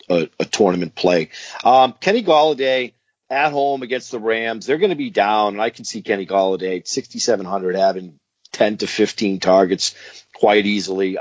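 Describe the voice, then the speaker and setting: A man's voice: fairly low pitch, no echo, dull audio. A man co-hosting a fantasy football podcast, calling out his picks in a casual, enthusiastic chat. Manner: enthusiastic, repeats picks with "give me".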